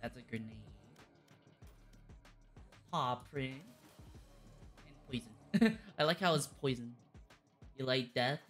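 A woman chatting casually on a game livestream in a giggly, easily excited manner. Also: rumbling low, slow pace, pauses often, soft background music. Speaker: livestreamer playing a shooter game.

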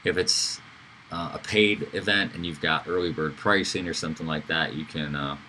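Deep-voiced man walking through a tutorial. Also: moderate pace, sharp tone, a little hiss or hum, low-quality recording. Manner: casual, with fillers and self-corrections. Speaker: instructor. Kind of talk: screen-recorded software tutorial.

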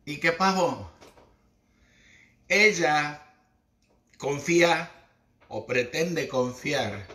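Mexican man, esoteric livestream host, slangy theatrical chat, high-ish bright voice, echoey room. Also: expressive, very slow. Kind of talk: casual livestream monologue.

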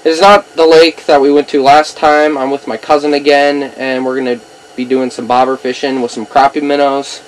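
A young outdoors channel host runs a casual fishing vlog, upbeat as he coaches his cousin with short repeated cheers. His medium-pitched voice is flat and at normal speed, recorded on an action camera inside a small ice shelter with slight background noise.

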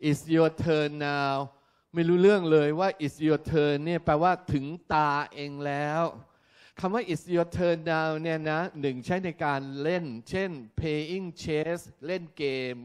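A man teaching a class, explaining slowly and often checking that his students are keeping up. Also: fairly high pitch, steady tone, clean tone. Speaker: English teacher. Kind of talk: classroom lesson.

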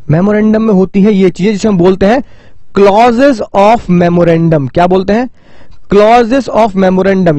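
An Indian man teaching a recorded lecture, lively, repeating key points and asking his class rhetorical questions. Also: high-pitched, no echo.

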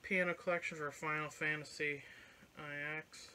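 A young man hosts a casual show-and-tell of his flea market finds from a living room with record shelves and a couch, filmed by a fixed camera at couch distance. His slightly high voice is bright and forceful, with little pitch movement and a moderate pace. He talks offhand, swears now and then, and there's a faint hiss or hum.

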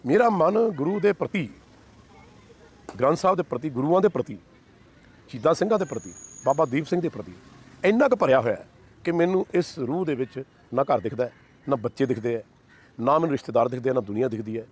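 A man's voice: medium pitch, lively intonation, quick pace, darkish tone, husky. A middle-aged man giving an emotional personal testimony to an interviewer, fervent and devotional, piling up repeated phrases. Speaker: interview guest.

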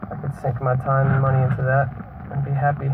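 A man's voice: mid-range voice, monotone, phone-quality sound. Young man musing aloud on a kayak. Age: 20s. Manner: thinking aloud while paddling, loose and unhurried. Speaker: vlogger. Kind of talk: rambling outdoor vlog monologue. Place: kayak on open water, outdoors. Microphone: phone camera mounted on the kayak. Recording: loud wind and water noise.

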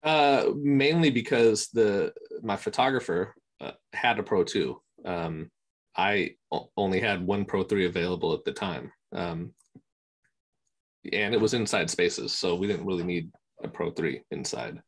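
A man, a guest on a video call interview, talking in a relaxed, rambling way with many fillers. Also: sits low, a little slow. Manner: relaxed, rambling, many ums and you knows. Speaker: interview guest, scanning service provider. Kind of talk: casual conversation.

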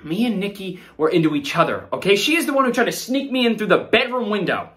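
For an audition read in a naturalistic screen-drama style, a man in his thirties plays an earnest, rattled young delivery driver under interrogation, pleading haltingly and repeating words with an uneasy mood. His voice is high, very animated, and a bit bright. He's recorded in a small indoor studio against a backdrop.

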